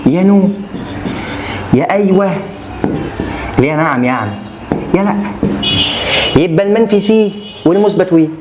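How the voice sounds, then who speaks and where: Animated Egyptian man teaching French. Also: high voice, slight background noise. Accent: Egyptian Arabic. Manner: animated, repetitive drilling with playful asides to students. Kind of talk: exam review lesson.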